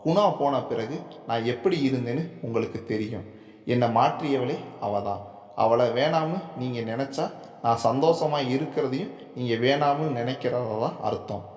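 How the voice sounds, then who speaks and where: A man's voice: mid-range voice, moderate pace, darkish tone, lightly acted. A man voicing an earnest young son who firmly stands up to his father. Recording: echoey room with long reverb.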